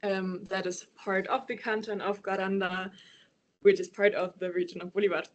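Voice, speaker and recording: A woman's voice: medium pitch, moderate pace. A woman, presenting a project over a video call, hesitant and full of ums and yeahs. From Germany. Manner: hesitant, many ums and yeahs, laughs lightly.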